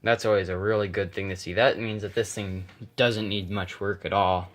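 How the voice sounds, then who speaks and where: This man, a hobbyist vlogger, speaks at normal speed in a steady, slightly bright voice that sits on the low side. His unscripted walkthrough is casual and hands-on, full of hesitation, rambling, and self-corrections, captured on a noisy handheld camera with clicks.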